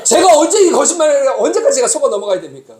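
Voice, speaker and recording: Male pastor in his 50s, quick lively delivery with big pitch swings, exasperated storyteller, echoey church hall. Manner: animated, exasperated storytelling to the congregation. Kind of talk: sermon. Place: church sanctuary.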